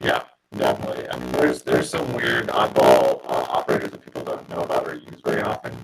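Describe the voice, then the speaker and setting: Very deep gravelly man on a noisy mic. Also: monotone, far from the mic. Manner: halting, restarts mid-sentence. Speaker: instructor. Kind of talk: casual technical explanation. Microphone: video call mic. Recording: noisy robotic-sounding mic audio.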